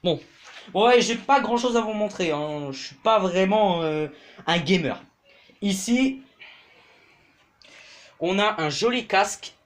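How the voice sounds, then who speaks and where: A young man giving a casual tour of his bedroom, rambling and hesitant with lots of fillers, his voice jumping up then sinking low and quiet. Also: expressive, slow pace, pauses often. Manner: pitch swings up and drops low and quiet. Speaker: vlogger. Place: bedroom, indoors.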